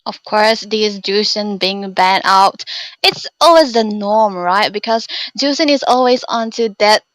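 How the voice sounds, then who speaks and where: A female esports co-caster with a mid-pitched voice who walks through the draft in a measured way. The recording is dry and close. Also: animated, a bit bright, no room sound, rough recording.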